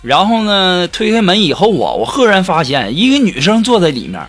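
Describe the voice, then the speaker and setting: A man delivers a comic joke monologue in a high voice. His pitch leaps and dips wildly as he stretches out each setup. Music plays clearly behind him. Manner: animated, drawn-out storytelling with dramatic pauses. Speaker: comic storyteller.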